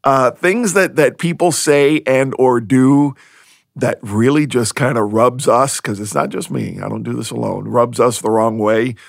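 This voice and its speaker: A man's voice: medium pitch, a little slow, gravelly, no room sound, clean studio sound. A man hosting a food podcast, chatting casually and with amusement, rambling through restarts and asides. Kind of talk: casual solo podcast monologue.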